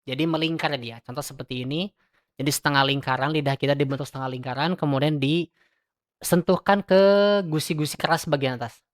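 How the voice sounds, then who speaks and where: A man's voice: medium pitch, steady tone, a little fast. A man teaching Quran reading in a recorded lesson, drilling Arabic letter sounds syllable by syllable and explaining where the tongue and mouth go.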